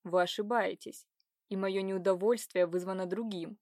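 A woman voicing a stern, possessive young man who speaks slowly, low and cold. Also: animated, no echo, clean studio sound, close to an everyday voice.

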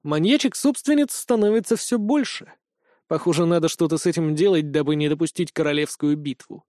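A man's voice: fairly high pitch, fairly quick, a little mellow, no room sound. Dry-sounding male audiobook narrator.

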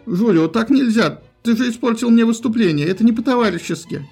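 A man's voice: very high-pitched, a little fast, vocal fry, a little mellow, slightly rough, soft background music, pitched above the performer's own voice, heavily acted. A man reading aloud, voicing a crooked male official who whines and pleads in a panicky, wheedling way. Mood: indignant.

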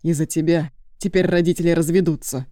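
A woman's voice: fairly low pitch, steady tone, fairly quick, warm tone, dry recording, clean studio sound, close to an everyday voice. A woman voicing a hot-tempered young man who feels betrayed by his friend, harsh and accusing. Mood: furious.

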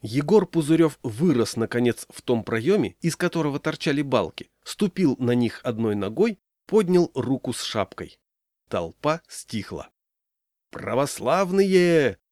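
Man reading a story with lively pitch. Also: normal speed, no room sound, studio quality. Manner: lively storytelling, voicing characters. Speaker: audiobook narrator. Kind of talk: expressive audiobook reading.

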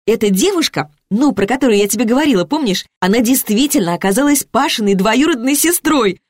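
A woman voicing a bubbly, happy young woman who chirps and gushes with excitement. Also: fairly high pitch, moderate pace, no room sound, studio quality, pitched above the performer's own voice. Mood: chirping. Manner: chirpy, gushing.

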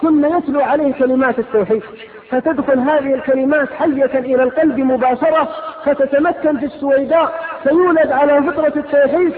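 Passionate preacher, rapid and scolding, recorded thin and phone-like in an echoing hall. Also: male voice, very high-pitched, steady tone, some chatter behind. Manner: impassioned, rhetorical, scolding. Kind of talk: fiery sermon. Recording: lo-fi phone-like sound, long hall reverb.

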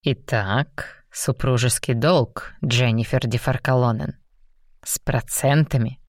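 A woman voicing a cocky, playful male demon lover in an audiobook, dropping to a husky, teasing murmur. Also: rumbling low, fairly even intonation, takes it slowly, darkish tone, no room sound, clean studio sound, pitched below the performer's own voice, exaggerated voice. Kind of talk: audiobook reading.

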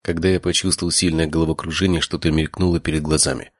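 A man narrating a first-person audiobook in an even, steady reading voice. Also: extremely low pitch, fast talker, slightly rough, no room sound, studio quality.

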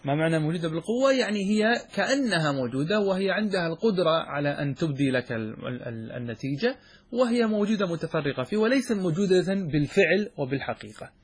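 A man's voice: fairly high pitch, big pitch swings, quick pace, husky. A man, a sheikh, giving a classroom lecture on a classical logic poem. He quizzes his students with questions and then answers them himself. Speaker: sheikh teaching a logic text.

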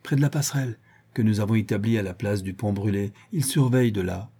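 A plain-spoken henchman, uneasy and blunt, read by a male narrator. The voice is dark and husky, only slightly raised. It comes from a read-aloud novel. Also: lowish voice, fast. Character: nervous henchman, adult man, blunt.

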